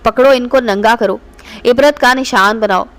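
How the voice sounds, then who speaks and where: A woman voicing a harsh, greedy male shopkeeper who talks gruffly and scornfully in a storybook tale. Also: fairly high pitch, normal speed, natural voice. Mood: angry.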